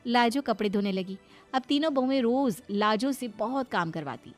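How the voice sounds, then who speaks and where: A woman giving scripted storybook narration for a cartoon, in a clear, even storytelling manner. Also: fairly high pitch, normal speed, soft background music.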